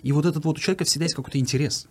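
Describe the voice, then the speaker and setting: A man's voice: fairly high pitch, fairly even intonation, very fast, breathy edge. A man speaks conversationally as an interview guest, earnestly repeating words for emphasis. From Uzbekistan. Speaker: guest giving his views.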